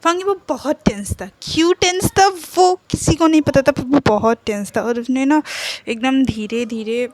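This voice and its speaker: A woman's voice: sits high, normal speed, darkish tone. A woman casually retelling a fan fiction story, chatty and full of fillers and self-corrections.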